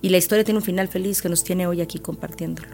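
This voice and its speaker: A woman hosting a podcast interview, empathetic, calmly explaining her ideas to her guest. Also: fairly low pitch, quick pace, creaky, faint music behind. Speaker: podcast host. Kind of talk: conversational interviewing.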